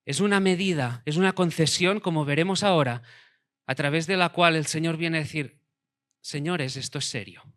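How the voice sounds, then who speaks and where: A man preaching a sermon as pastor, emphatic, dropping to a quiet tone for weight. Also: fairly high pitch, a little fast.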